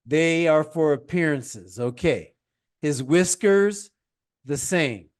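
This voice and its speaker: Slow, patient man teaching science. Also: fairly high pitch, lively intonation. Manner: patient, asks guiding questions and praises the student. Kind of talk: one-on-one science lesson.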